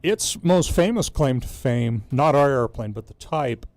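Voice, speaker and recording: A man's voice: mid-range voice, animated, measured pace, a little mellow, no room sound. A man on a radio show explaining historic aircraft in a precise, informative way. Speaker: museum guide explaining aircraft. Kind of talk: casual talk radio chat.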